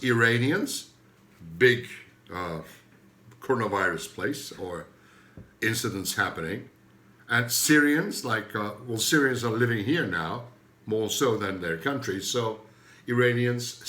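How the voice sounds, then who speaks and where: A man's voice: mid-range voice, bright, forceful tone, reverberant. An older man from Turkey with a Turkish accent, a native Turkish speaker, hosting a rambling, joking comedy monologue that often loses its thread. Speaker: comedian host.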